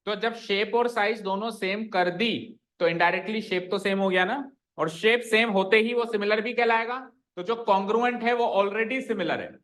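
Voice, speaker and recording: A man's voice: high-pitched, fairly bright tone. A male math teacher in a classroom, explaining a lesson and constantly questioning his students, making them repeat answers and mixing English terms into his speech.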